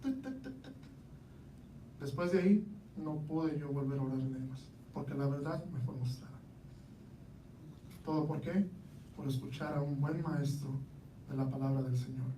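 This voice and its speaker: A man's voice: medium pitch, fairly even intonation, normal speed, long pauses, warm tone, recorded from a distance, a little hiss or hum. Mexican man preaching in a roomy hall. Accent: Mexican Spanish. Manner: conversational, asks the congregation rhetorical questions. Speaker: lay preacher. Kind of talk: sermon. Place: church hall.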